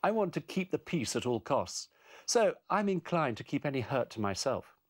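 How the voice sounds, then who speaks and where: Presenter: man, steady, scripted narration, lively intonation. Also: medium pitch, normal speed. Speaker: course presenter. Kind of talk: scripted parenting course narration.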